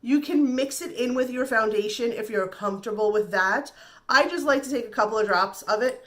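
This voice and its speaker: Slightly nasal while recovering from the flu, a woman chats reassuringly through a makeup tutorial as a beauty vlogger, repeating words as she goes. She speaks a little fast in a voice that's a little high and a bit bright.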